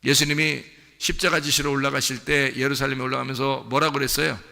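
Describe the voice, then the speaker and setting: Korean pastor, bright gravelly voice, church hall. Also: male voice, medium pitch, level tone, fast. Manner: conversational, asks the listeners questions and acts out quoted lines. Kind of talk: sermon with questions to the congregation. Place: church sanctuary. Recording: long reverb of a large hall.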